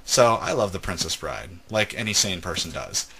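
Lively, bright-voiced joking male gamer. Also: low-pitched, normal speed, a little hiss or hum. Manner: joking, teasing storyteller. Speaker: let's play host. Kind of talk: casual gameplay chat.

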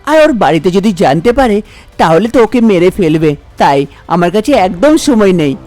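A woman's voice: lowish voice, big pitch swings, brisk, darkish tone, no echo, faint music behind. Woman voicing a worried young man. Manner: pleading, worried. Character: young man, anxious lover in a cartoon.

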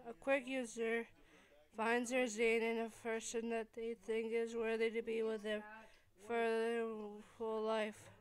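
A woman voicing a gentle adult woman doctor and hero who soothes a child, with soft, halting delivery in an amateur fan-fiction reading. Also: fairly high pitch, monotone, clean tone, natural voice. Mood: plain.

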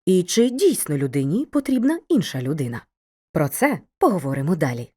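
A woman narrating a scripted educational video lesson, speaking to the student in a clear, measured way. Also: sits low, big pitch swings, warm tone.

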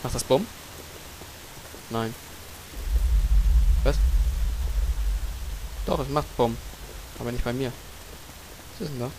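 A man giving gaming commentary, muttering to himself, swearing casually and yelling out repeated words when the action heats up. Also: mid-range voice, slow, long pauses, noisy background. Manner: excitable, yells and repeats words in a rush during fights. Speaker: let's player.

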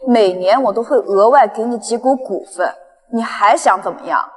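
A woman's voice: fairly high pitch, normal speed, breathy edge. An actress playing a betrayed, indignant young company chairwoman in a short drama, stern and defiant. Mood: hurt, indignant. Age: young adult. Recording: long hall-like reverb.

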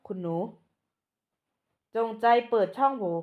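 A woman voicing a polite young male butler in a manga recap, formal and soft-spoken. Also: fairly high pitch, lively intonation, slow, phone-quality sound, voice pushed down. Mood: deferential.

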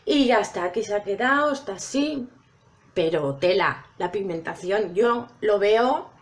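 A woman's voice: medium pitch, expressive, a little slow. A woman chatting casually to her viewers while trying out makeup. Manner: chatty, addresses viewers directly. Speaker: makeup vlogger.

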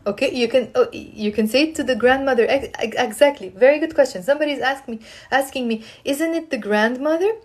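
A woman in her thirties with a fairly high voice and a Lebanese accent. She teaches in an informal, animated way, encouraging her listeners and repeating words carefully, as if live to a phone in a room at home. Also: fairly quick. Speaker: Arabic teacher and live stream host. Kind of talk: informal live language lesson, explaining and questioning viewers. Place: small indoor room at home. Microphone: phone at arm's length.

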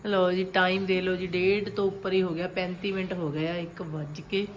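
A woman's voice: fairly low pitch, little pitch movement, moderate pace. A middle-aged woman with an Indian Punjabi accent chatting casually and colloquially as she vlogs while cooking at home. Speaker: family vlogger, mother. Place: home kitchen. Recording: clearly noisy home recording with clicks.

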